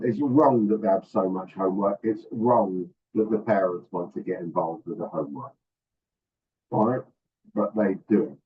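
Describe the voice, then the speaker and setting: A man's voice: fairly low pitch, breathy edge. A man giving a chatty, emphatic orientation talk to volunteers, often checking in with "okay?" and acting out quoted lines. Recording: dull lo-fi audio from a distant mic.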